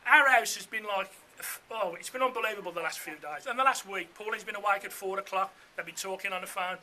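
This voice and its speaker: High, bright-voiced man speechmaking. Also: quick pace, slight background noise. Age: middle-aged. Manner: jokey, anecdotal, conversational. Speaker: father of the bride giving a speech. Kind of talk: informal wedding speech with comic anecdotes. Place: room full of wedding guests.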